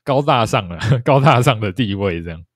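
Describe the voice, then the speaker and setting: A man's voice: on the low side, expressive, normal speed, dry recording, studio quality. A man co-hosting a podcast, chatting casually and thoughtfully, often hedging and correcting himself. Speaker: podcast co-host. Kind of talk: casual chat about a TV series.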